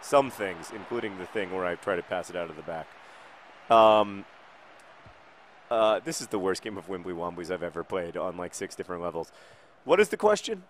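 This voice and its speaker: A man hosting a casual gaming video, answering viewer questions in a rambling, self-deprecating way while now and then shouting at the match he is playing. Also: low-pitched, lively intonation, normal speed, slight background noise. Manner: rambling, self-deprecating, dry jokes, sudden shouts at the game.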